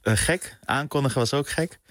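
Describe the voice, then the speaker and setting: A man being interviewed on the radio as a guest musician, talking in a relaxed, slangy way. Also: mid-range voice, moderate pace, no echo, clean studio sound. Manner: relaxed, slangy, with filler questions like "snap je". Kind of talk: casual radio interview chat. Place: radio studio.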